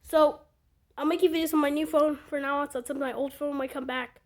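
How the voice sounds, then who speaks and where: A woman with a slightly raspy voice, chatting casually about her fire alarm collection and rambling with lots of fillers, recorded on a phone. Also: high voice, steady tone, fairly quick, darkish tone. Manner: rambling, with many fillers and restarts. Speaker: fire alarm hobby vlogger. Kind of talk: casual show-and-tell chat.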